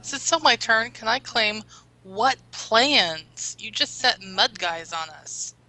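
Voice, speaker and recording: A woman's voice: on the high side, expressive, slow pace, bright, forceful tone, poor audio. A woman chatting casually as a player in a tabletop role-playing game.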